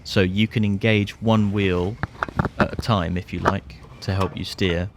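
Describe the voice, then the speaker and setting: A man's voice: deep voice, flat delivery, measured pace, background noise. A British man in his thirties narrating a restoration video in an understated, conversational way with casual asides. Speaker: host of restoration video series. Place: barn workshop. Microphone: clip-on lapel mic.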